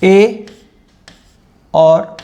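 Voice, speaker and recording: A male English grammar teacher giving an exam-prep lesson. He explains in Hindi, reads the English examples slowly, and asks the class questions that he then answers himself. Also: high-pitched, warm tone.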